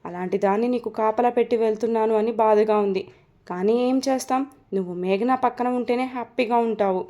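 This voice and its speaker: A stern, irritable young father who speaks in curt, scolding bursts, as a woman storyteller puts him on. The voice sits fairly high for the part and belongs to a spoken storybook. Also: brisk, dark tone, natural voice.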